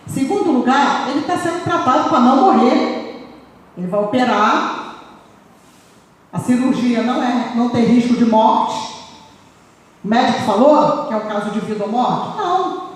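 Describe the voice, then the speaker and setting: A woman preaching a sermon with emphasis, often repeating phrases for stress. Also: a little high. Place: church sanctuary. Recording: echoey hall, voice far from mic, faint noise.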